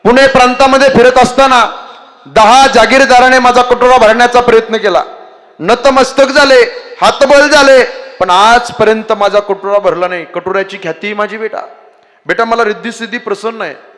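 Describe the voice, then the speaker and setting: Preacher guy doing a proud old beggar-mystic, boasty, kinda high, echoey. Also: fairly even intonation, a little fast, a bit bright. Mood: boastful. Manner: boastful, patronizing.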